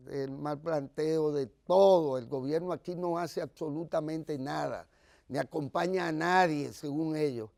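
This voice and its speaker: Dominican man commenting, high-pitched and creaky. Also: dry recording, studio quality. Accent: Dominican Caribbean Spanish. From Dominican Republic. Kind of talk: news commentary, partly reading aloud.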